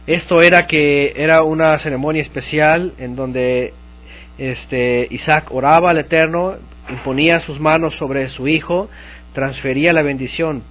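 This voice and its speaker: Man teaching scripture, lo-fi hum. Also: on the high side. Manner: explains scripture with rhetorical questions to listeners. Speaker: Bible teacher. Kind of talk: Bible study teaching.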